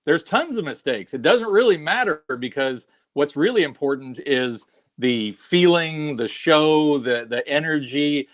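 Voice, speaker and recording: A man's voice: on the high side, animated. A middle-aged man hosting an interview, chatty and full of stories, often starting over mid-sentence. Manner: chatty, storytelling, halting restarts. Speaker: show host. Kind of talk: casual interview chat.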